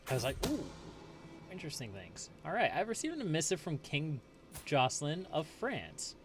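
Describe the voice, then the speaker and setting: A man's voice: on the high side, very animated, normal speed, over music. A man hosting a let's play, chatting casually and reading game text aloud as he plays, often chuckling. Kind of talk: casual gameplay commentary.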